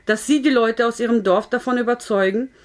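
A stern army captain, read by a woman, firm and formal, holding his voice steady. It comes across close to the reader's own voice in a storybook reading. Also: mid-range voice, normal speed, natural voice. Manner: firm and loud, careful to sound neutral.

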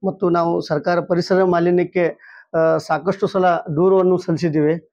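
A middle-aged man, a local resident, making a halting appeal at a press conference with frequent fillers and restarts. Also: sits high, level tone, gravelly, a little mellow, no echo, muffled recording. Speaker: local resident voicing a complaint. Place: small indoor room, seated among a group.

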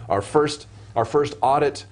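A man's voice: on the high side, unhurried. A man hosting a live web broadcast interview, asking long, rambling questions full of restarts and self-corrections. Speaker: show host.

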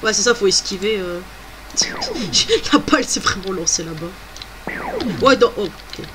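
A woman's voice: mid-range voice, normal speed, background noise. A woman doing let's play commentary, chatty and exclamatory, thinking aloud as she plays. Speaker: gamer.

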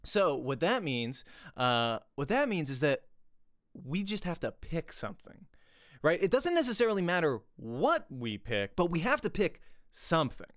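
A little high-pitched and very animated, this thirties-aged acting teacher talks at normal speed with a fairly bright tone on a dry recording. His livestream lesson is casual, peppered with "right?", delivered close to a studio microphone with pop filter while he wears headphones in a small room.

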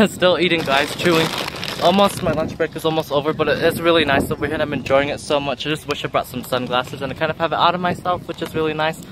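A man's voice: on the high side, fairly even intonation, fast talker. Young man vlogging by a lake, noisy outdoor audio. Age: young adult. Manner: talks informally with slang, out by a lake. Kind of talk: casual vlog chat to viewers. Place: outdoors on a lakeside dock. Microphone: phone at arm's length.

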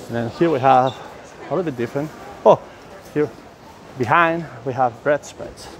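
A middle-aged man from Spain, chatty and excitable, giving a casual walking vlog tour of a cafeteria, filmed on a phone at arm's length. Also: medium pitch, normal speed. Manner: chatty, excitable, lots of fillers. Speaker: vlogger touring the food halls. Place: indoor cafeteria and dining hall. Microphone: phone camera at arm's length. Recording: noisy phone recording.

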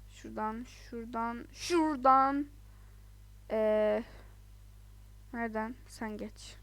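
A woman with a voice on the high side gives chatty, casual commentary as a let's play gamer. She's excitable, laughing often and exclaiming in frustration.

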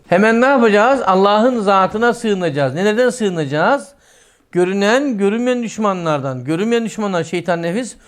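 A middle-aged male preacher giving a sermon in a lively way, acting out quoted lines in a raised voice and dropping softly for asides. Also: fairly high pitch.

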